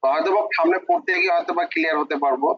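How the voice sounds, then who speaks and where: Husky-voiced guy, student on a video call, muffled lo-fi sound, asks stuff. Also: fairly high pitch, rapid-fire. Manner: asks questions, repeats after the teacher. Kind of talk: online language class. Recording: dull lo-fi video call audio.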